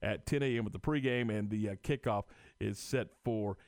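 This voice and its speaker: Halting American male sports radio host. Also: on the low side, darkish tone, dry recording, studio quality. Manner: halting, repeats words as he forms questions. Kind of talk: live sports talk interview.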